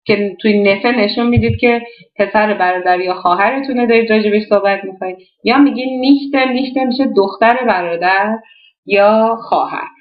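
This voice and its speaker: A woman's voice: mid-range voice, reverberant, lo-fi sound. A woman teaching a language lesson, explaining an exercise step by step and often asking and answering her own questions. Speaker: German teacher.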